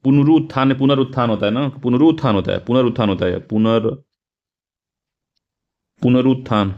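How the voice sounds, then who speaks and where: Hindi tutor drilling spelling answers, muffled audio. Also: male voice, medium pitch, moderate pace. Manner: repetitive, drilling correct forms aloud, asking rhetorical questions. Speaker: exam coaching teacher. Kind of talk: explaining Hindi spelling and grammar quiz answers.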